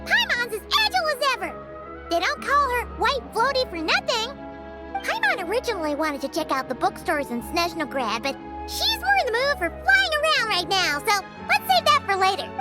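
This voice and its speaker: Paimon, a squeaky floating fairy. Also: female voice, wildly swooping pitch, normal speed, loud music behind the voice, full character voice. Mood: chirpy. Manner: high, bouncy, third-person chatter. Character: tiny floating female fairy companion, chirpy and greedy.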